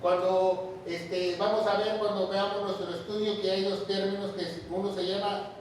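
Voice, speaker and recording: Emphatic pastor in a booming echoey hall. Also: male voice, little pitch movement, normal speed, a little hiss or hum. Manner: emphatic, repeats key phrases, asks the audience rhetorical questions. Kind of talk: Bible teaching sermon. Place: church or large hall, with the sermon streamed online. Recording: very echoey room, voice far from the mic.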